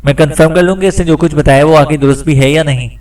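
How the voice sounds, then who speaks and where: Man narrating cool secret agent, commanding, fairly high voice, distant mic. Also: fast, darkish tone, lightly acted. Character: cold, sharp-witted male secret agent.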